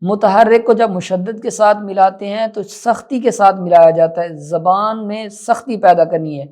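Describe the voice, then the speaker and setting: A man with a notably high-pitched voice gives a tajweed lesson in a measured, instructive way. He explains points briskly, then slows right down to draw out each recited word. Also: steady tone, a little mellow. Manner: switches between brisk explanation and slow, drawn-out recited words. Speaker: Quran recitation teacher.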